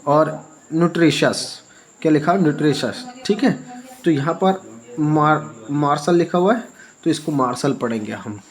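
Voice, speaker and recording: A male English teacher who spells words letter by letter and reads them out slowly for learners, often repeating himself and asking rhetorical questions. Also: fairly high pitch, expressive, a little hiss or hum, low-quality recording.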